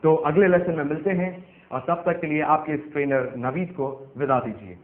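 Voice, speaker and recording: Guy teaching english grammar, fairly high voice, spells stuff out slow, tinny echoey sound. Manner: spells words out letter by letter, slow and deliberate. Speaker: English trainer. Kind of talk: explanatory grammar lesson. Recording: echoey, phone-like narrow sound.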